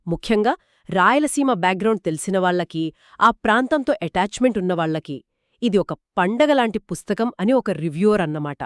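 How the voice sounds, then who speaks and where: A woman's voice: medium pitch, lively intonation, brisk, dry recording, clean studio sound. A woman co-hosting a book discussion podcast, explaining and summing up reader reviews. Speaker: podcast co-host.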